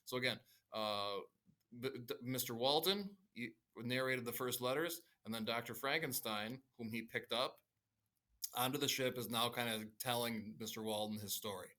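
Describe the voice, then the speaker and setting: A man's voice: mid-range voice, normal speed, bright, forceful tone. A male teacher recording a casual lesson for his students, explaining loosely with many fillers.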